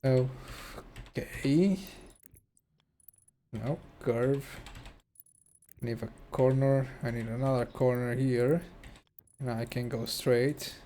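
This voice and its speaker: A man's voice: mid-range voice, steady tone, drawn-out words, long pauses, warm tone, slight background noise. A man streaming a game, thinking aloud as he builds and chuckling at chat. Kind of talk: casual gameplay commentary.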